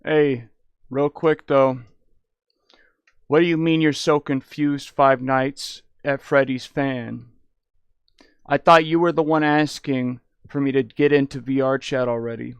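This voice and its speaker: A man's voice: mid-range voice, steady tone, a little slow, clear, resonant tone, no echo. A man talking casually to an online chatter, questioning and repeating himself. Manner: repetitive, questioning. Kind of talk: casual spoken address to an online chat.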